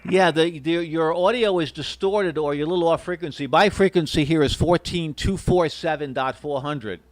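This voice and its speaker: Man, fairly high voice, courteous ham radio operator, phonetic call signs, hesitant pauses. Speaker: amateur radio operator running contacts.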